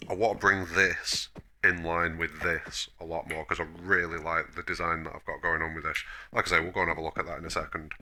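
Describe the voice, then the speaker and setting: Deep, bright-voiced man, chesty from a cough. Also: level tone, a little fast, slight background noise. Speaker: host of a gaming video. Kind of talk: casual gameplay tour commentary.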